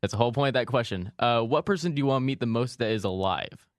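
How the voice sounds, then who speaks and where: A young man interviewing a guest, firing off quick questions and teasing her answers. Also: medium pitch, no echo, clean studio sound. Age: young adult. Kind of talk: casual rapid-fire Q&A.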